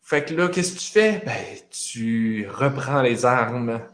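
Man, Quebec French accent, casual chat, rambling storyteller, mid-pitched voice. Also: lively intonation, slow pace, a bit bright. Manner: rambling storytelling with frequent fillers. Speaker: gamer recounting a video game.

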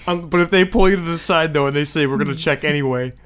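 A man's voice: fairly high pitch, quick pace, fairly bright tone. A man from Canada co-hosting a casual podcast, telling stories in a rambling way and laughing often. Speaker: podcast co-host. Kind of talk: casual chat.

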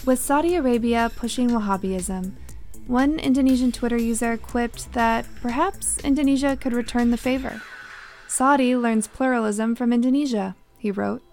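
Higher-pitched woman narrating news over soft music. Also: moderate pace. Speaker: podcast host. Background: faint music.

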